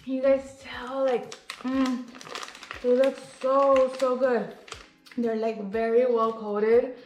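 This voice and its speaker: A woman's voice: a little high, flat delivery, slow pace, a little mellow, faint music behind. A woman reviewing snacks in a casual vlog, gushing and bubbly, saying "like" and "guys" constantly and dropping in Spanish phrases. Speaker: food reviewer. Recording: echoey room.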